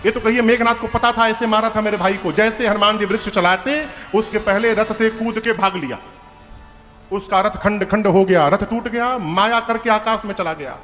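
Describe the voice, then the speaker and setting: High, bright-voiced man preaching a story. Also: moderate pace. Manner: lively, humorous, chants verses. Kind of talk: devotional story sermon. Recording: reverberant hall with faint music.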